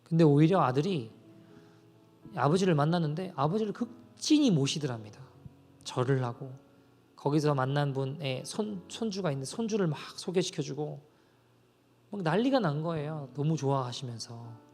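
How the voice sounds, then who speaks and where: A man's voice: on the high side, animated, normal speed. A man preaching a sermon as pastor at a Friday church service. He tells a story earnestly, then builds into fervent appeals to the congregation. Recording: reverberant church hall with soft instrumental music behind.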